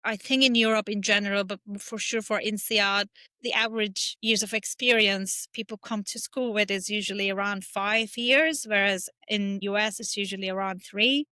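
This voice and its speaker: A woman's voice: mid-range voice, fairly even intonation, normal speed, pushed and bright, clean tone, no room sound. A middle-aged woman from Turkey, a podcast guest talking casually and thoughtfully, with frequent fillers and restarts. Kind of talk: casual interview talk.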